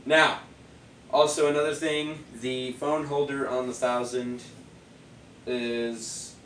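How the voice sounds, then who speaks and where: Reviewing party speakers in a loose, filler-heavy ramble, this man has a mid-range, fairly bright voice and a flat, slow delivery. A cold leaves him stuffy-nosed and sniffly. The poor audio is reverberant and distant, with a little background noise.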